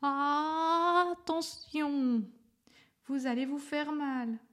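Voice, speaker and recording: A woman's voice: sits high, steady tone, extremely slow, fairly bright tone, pitched above the performer's own voice, heavily acted. A woman voicing a timid letter A who stammers and pleads, in a storybook. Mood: pleading. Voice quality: stutter.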